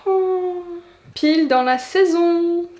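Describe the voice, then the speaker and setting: A woman's voice: very high-pitched, takes it slowly, mellow, roomy sound. A woman in her twenties, chatting casually and with enthusiasm while unboxing, with many exclamations. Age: 20s. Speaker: booktuber.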